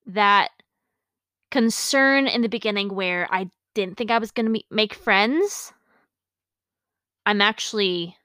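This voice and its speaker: A woman's voice: mid-range voice, a bit bright, smooth, dry recording. A woman hosting a podcast, reading her childhood journal entries aloud and breaking off for amused, self-mocking comments and laughs. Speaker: podcast host.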